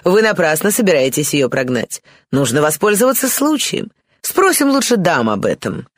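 A reader voicing a jovial middle-aged colonel who makes loud announcements to the company, in an audiobook. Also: mid-range voice, sing-song, moderate pace, no room sound. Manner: loud, declaiming.

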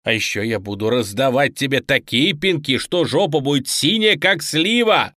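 A man voicing a tough man who slowly threatens a captive. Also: medium pitch, animated, sharp tone, dry recording, clean studio sound. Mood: menacing.

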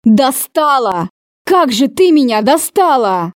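A woman reading an audiobook voices an angry, jealous young man in slow, low, clipped lines, recorded close and dry. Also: sing-song, warm tone, no room sound. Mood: furious. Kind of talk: audiobook character voicing.

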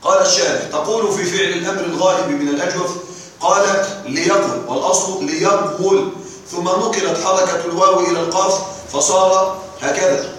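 A man with a fairly high voice teaches a class, working through each point patiently and stopping to ask whether everyone is with him. He sounds far from the microphone, in a very echoey room with a faint hiss underneath. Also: fast, fairly bright tone. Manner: explains step by step, often checks the class understands. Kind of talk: classroom lesson explaining grammar verse. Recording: echoey room, distant mic, faint noise.

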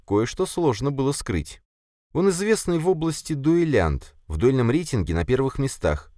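A tearful young noblewoman, her voice pitched high and shrill with reproach, as a male audiobook reader puts her on. She sniffles through her complaints, with animated rises and falls. The sound is dry and close. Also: dry recording, close to an everyday voice. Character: young woman, a tearful, bitter noble sister. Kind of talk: audiobook character voice.

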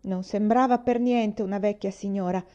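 A woman's voice: medium pitch, steady tone, moderate pace, warm tone, muffled recording, lightly acted. A woman reading aloud, voicing an earnest, defensive young girl who protests with a wounded tone. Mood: indignant.

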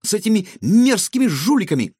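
A man's voice: fairly high pitch, very animated, moderate pace, a little mellow, breathy edge, no echo, studio quality. A man voicing a stubborn little girl who protests and insists she is telling the truth. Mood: indignant.

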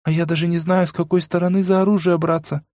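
A man's voice: fairly high pitch, flat delivery, fast talker, darkish tone, no room sound, studio quality, pitched above the performer's own voice, lightly acted. Man voicing a frightened, pleading young woman. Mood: frightened, hurried. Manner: pleading, whimpering, tremulous. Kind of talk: audiobook character voice.

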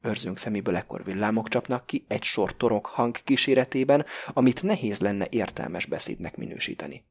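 A man reading a novel aloud in first person, in a measured and even way. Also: on the low side, vocal fry, husky. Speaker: audiobook narrator. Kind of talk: first-person literary narration.

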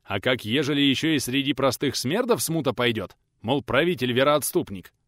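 A man voicing an aggrieved medieval male prince who declaims his grievances gravely and solemnly. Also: medium pitch, expressive, normal speed, fairly bright tone, no room sound, clean studio sound, close to an everyday voice.

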